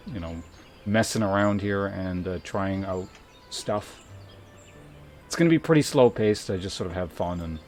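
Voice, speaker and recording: With game music behind him, a streamer talks in a slightly mellow voice on the low side. It's casual livestream chatter, rambling, thought out loud, and occasionally profane.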